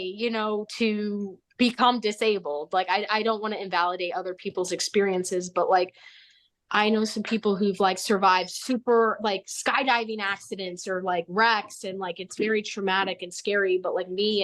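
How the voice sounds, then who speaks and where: A woman's voice: mid-range voice, fairly bright tone. A woman in her early twenties, an interview guest talking candidly in a rambling, self-mocking way. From United States. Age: 20s. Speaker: guest, Paralympic swimmer. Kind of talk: candid casual interview talk.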